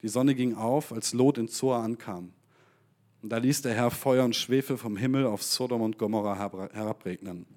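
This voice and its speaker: A man's voice: medium pitch, steady tone, moderate pace, a little mellow. A man preaching in a casual way, talking directly to his listeners and reading a Bible story aloud.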